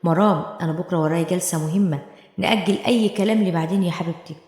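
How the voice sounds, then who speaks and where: A woman's voice: on the low side, steady tone, very fast, a little mellow, lightly acted. A woman voicing a greedy, self-justifying male lawyer in an Egyptian Arabic accent, impatient and defensive, in an echoey room with long reverb. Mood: dismissive.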